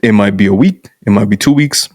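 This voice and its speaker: A young Canadian-raised man talks frankly and casually as a guest coach on a podcast, bluntly calling the listener "bro" again and again. His voice is lowish and darkish, and he speaks fairly quickly. The studio-quality recording has no echo.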